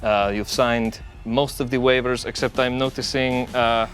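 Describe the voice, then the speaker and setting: A man's voice: medium pitch, little pitch movement, a little slow, a bit bright, soft background music, lightly acted. A man playing a meek, nervous check-in clerk in a tabletop game, polite and hesitant. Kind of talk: tabletop game role-play.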